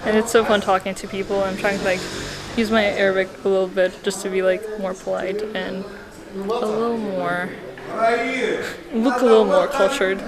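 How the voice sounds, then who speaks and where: This rough recording catches a young post-Soviet woman, a native Russian speaker, vlogging her travels in a mid-range voice with a level tone and moderate pace. A loud crowd and loud music surround her casual, earnest monologue, heavy with "like" fillers, outdoors and in shops and cafes.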